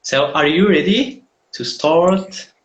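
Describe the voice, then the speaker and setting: A man's voice: a little high, slow. A man hosting a live online mock job interview over a video call, speaking in a friendly, hesitant way with frequent fillers.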